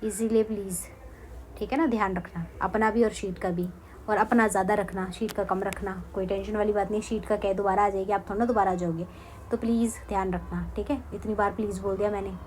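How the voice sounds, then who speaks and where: A young woman hosts a home craft tutorial in a mid-pitched, conversational voice. She keeps cautioning viewers and fills every pause with reassurances. Faint room noise sits under her close recording. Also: fairly even intonation, a little mellow. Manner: chatty, repeats "theek hai" constantly; cautioning, talks straight to viewers. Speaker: craft channel host.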